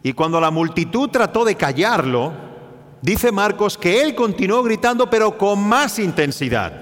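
A man's voice: sits high, moderate pace, in a large hall. A man preaching a sermon to his congregation, acting out the cries of the people in the story. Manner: animated, acts out the cries of the story.

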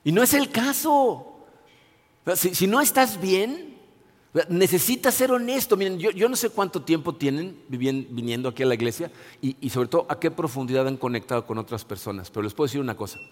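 A man's voice: on the high side, lively intonation, a little fast. A middle-aged male pastor, giving an earnest, conversational sermon full of restarts and repeated words. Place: church. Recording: long hall reverb.

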